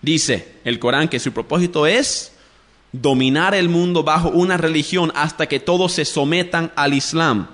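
A man's voice: on the high side, moderate pace, a bit bright. Didactic man teaching on religious radio. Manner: didactic, spells out words letter by letter; addresses listeners directly. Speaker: radio preacher.

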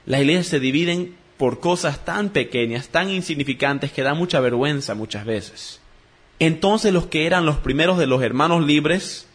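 A man's voice: a little high, slightly rough. A man preaching a sermon in an earnest teaching tone, calling his listeners brothers. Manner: acts out dialogue in a joke with lively voices.

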